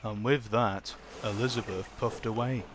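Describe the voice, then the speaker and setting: A man narrating a children's storybook in a plain, steady way. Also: on the low side, moderate pace, noisy background.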